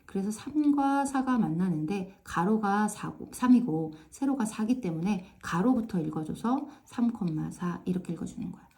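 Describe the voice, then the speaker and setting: Mellow-voiced woman teaching middle school math. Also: mid-range voice, animated, normal speed, hardly any pauses. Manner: frequent tag questions checking understanding; repeats filler "ja" to pace steps. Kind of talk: casual classroom lesson.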